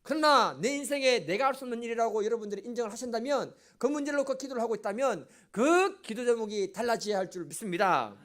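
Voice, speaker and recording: This middle-aged pastor's voice is extremely high, and he talks fast with few pauses. Preaching in a church sanctuary, he delivers an animated story and throws in remarks to his congregation.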